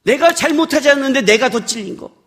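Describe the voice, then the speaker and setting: A man with a notably high voice preaches in a church worship service. His pitch swings widely as he talks the congregation through the passage in a conversational way. He breaks into loud, acted-out scolding now and then. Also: quick pace. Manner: animated, conversational preaching with rhetorical questions; acts out scolding lines in sudden loud bursts. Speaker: pastor. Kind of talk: sermon.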